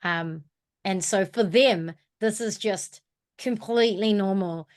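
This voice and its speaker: Slow-paced and mid-range, a New Zealand-accented woman co-presents an online workshop over video call. Her talk is informal and reflective, as if she's working through ideas out loud.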